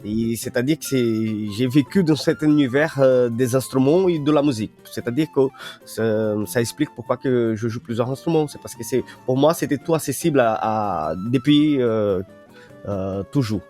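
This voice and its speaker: A man from northern Brazil whose first language is Portuguese, speaking as an interview guest. He talks hesitantly, stopping and restarting his sentences, at an ordinary pitch. Faint music plays under the conversation. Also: moderate pace, mellow. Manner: hesitant, many fillers and restarts. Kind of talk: radio interview.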